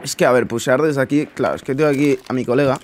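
A man's voice: medium pitch, steady tone, fast, noisy background. A man giving casual, incredulous commentary over his own gameplay, muttering asides to himself. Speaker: gaming YouTuber.

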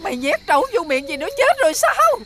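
A woman's voice: extremely high pitch, big pitch swings, a little fast, exaggerated voice. An actress playing an older grandmother, scolding her son in outrage, in a TV drama. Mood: outraged. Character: horrified, furious old grandmother protecting a grandchild. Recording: loud background score.

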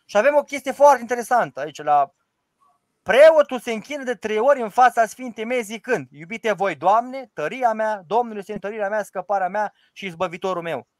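A man's voice: high voice, animated, no room sound. A man who is an Orthodox priest, explaining the liturgy in an emphatic, rhetorical way and quoting its prayers aloud. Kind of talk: informal teaching discussion.

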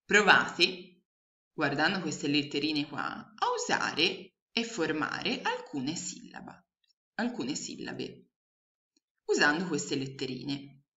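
A woman teaching young children online, slowly and patiently sounding out letters and syllables. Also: sits low, big pitch swings, pushed and bright. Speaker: primary school teacher. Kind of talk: remote lesson for young children. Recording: echoey room, dull lo-fi sound.

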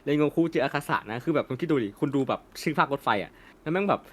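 A young man co-hosting an anime discussion channel shares strong opinions casually, full of slang and swearing. His voice is a little high and expressive, and he talks at a quick pace.

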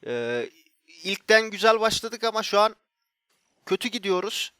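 High, excitable guy opening loot boxes. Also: a little slow, clear, resonant tone, no room sound, studio quality. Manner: hypes every box, repeats himself, bursts into shouts. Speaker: gaming YouTuber. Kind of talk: excited game commentary.

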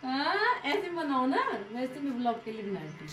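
A woman's voice: sits high, very animated, moderate pace, background noise. A young woman, a mother, playfully coaxing and teasing her toddler at home in baby talk, laughing often. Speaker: mother and family vlogger.

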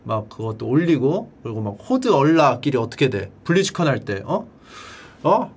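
Male streamer, husky, animated pitch, playful drill-style chat. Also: a little fast. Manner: playful, drills words by repeating them in a high echo; bursts into shouted cheers. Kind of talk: casual livestream chat.

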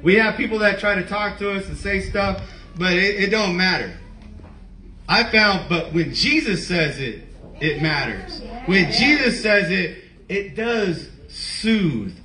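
A male pastor preaching a lively, conversational sermon with casual slang and direct questions to the congregation. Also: sits high, measured pace, distant mic. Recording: echoey room, voice from off-mic.

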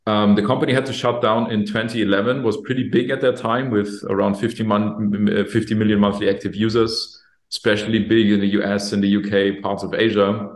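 This man's voice is lowish, flat, and brisk. He's a German company executive in his late twenties to early thirties, speaking with a German accent as an interview guest, easygoing and prone to repeating words while thinking. Recorded through a webcam on a video call in an office with a bare wall, the sound has a roomy echo.

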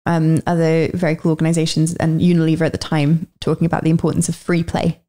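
A middle-aged woman talking in a relaxed, reflective way as an interview guest, laughing easily. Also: low-pitched, fast. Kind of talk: casual conversational interview.

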